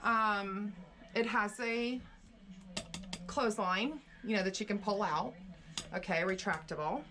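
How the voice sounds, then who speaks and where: A woman's voice: mid-range voice, measured pace. A woman vlogger chatting casually as she walks through and shows a room, a little out of breath. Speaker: vlogger giving a room tour. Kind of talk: casual room tour narration.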